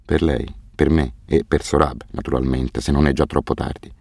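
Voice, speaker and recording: A man voicing a weary, guilt-ridden orphanage director who speaks haltingly and turns bitterly defensive. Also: extremely low pitch, fairly even intonation, vocal fry, a little mellow, breathy edge, no room sound, studio quality, exaggerated voice. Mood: grave, ashamed.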